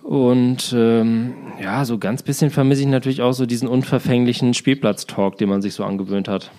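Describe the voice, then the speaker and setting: A man's voice: medium pitch, steady tone, moderate pace, mellow. Man, thirties, co-host, casual rambling talk, lots of fillers, dry humor. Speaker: podcast co-host. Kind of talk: casual chat.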